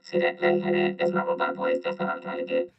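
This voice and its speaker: A woman's voice: quick pace, dull audio, over music. A woman podcast host whose voice runs through a metallic robot voice changer on her soundboard. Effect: booming metallic robot voice changer. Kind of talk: live podcast hosting. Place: home studio with soundboard.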